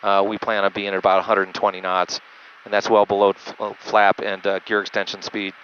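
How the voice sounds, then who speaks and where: Engine noise fills muffled, band-limited headset audio as a pilot, speaking through the intercom of a small jet in flight, walks through procedures without a script. The man's low, even voice is patient, methodical, and halting, and the headset makes it sound dull.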